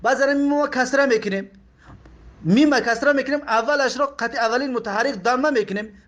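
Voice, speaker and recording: A man with a Tajik accent teaching Arabic grammar, speaking slowly, repeating words and asking his pupils questions. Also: extremely high pitch, fairly bright tone. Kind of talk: explaining lesson.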